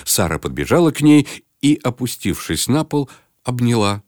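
A man hosting and narrating a children's book reading in an expressive manner. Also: medium pitch, moderate pace, no echo, studio quality. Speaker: storyteller host.

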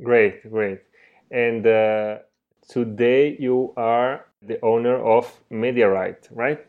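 A man's voice: mid-range voice, steady tone, takes it slowly, phone-quality sound. A male podcast host who reads a scripted introduction and then asks his guest short questions. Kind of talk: interview hosting.

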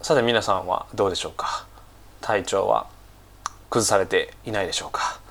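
A man with a somewhat low voice gives a casual English lesson, still a little stuffy-nosed from a cold. He talks unhurriedly, with plenty of fillers. He repeats each key phrase slowly and carefully. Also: a bit bright. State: slightly stuffy nose, recovering from a cold. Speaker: English teacher.

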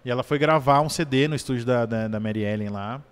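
Brazilian man, podcast guest, animated personal storytelling. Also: mid-range voice, fast, clean tone. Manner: animated storyteller, keeps adding "né?".

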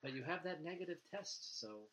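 A man's voice: fairly high pitch, expressive, moderate pace, fairly bright tone, slight background noise, poor audio. A man with the flu, co-hosting a casual chat, talkative and sarcastic, laughing often as he explains. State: has the flu.

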